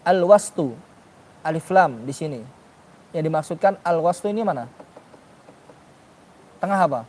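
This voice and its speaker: A man's voice: on the high side, expressive, normal speed, a little mellow. A man teaching a class on Quranic pronunciation, questioning his students and sounding out letters for them. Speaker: tajwid teacher.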